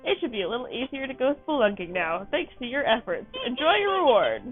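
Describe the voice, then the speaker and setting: A woman's voice: fairly high pitch, sing-song, fairly quick, voice pushed up. A woman voicing a friendly older male village mayor, cheerfully thanking someone as she reads game dialogue. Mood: grateful. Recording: tinny phone-like audio, faint music.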